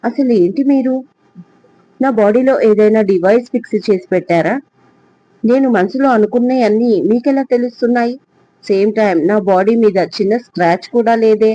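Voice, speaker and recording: A man voicing a quick-tempered, sharp-tongued young woman in a storybook reading. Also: high voice, no echo, highs cut off, natural voice. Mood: indignant.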